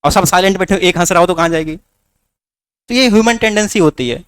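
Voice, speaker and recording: A man's voice: high voice, a little fast, fairly bright tone, smooth, dry recording. A man teaching a class with a north Indian Hindi accent, coaxing students with rhetorical questions. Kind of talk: classroom lecture.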